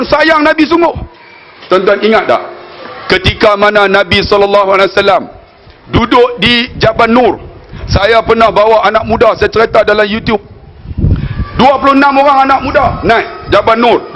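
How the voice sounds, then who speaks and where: Man, 40s, northern Malaysian accent: very high-pitched preacher, anecdotal and chatty with the crowd, light background noise. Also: a bit bright. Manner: storytelling, keeps addressing the audience as "tuan-tuan"; jokey asides to the crowd. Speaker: religious preacher. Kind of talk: religious lecture.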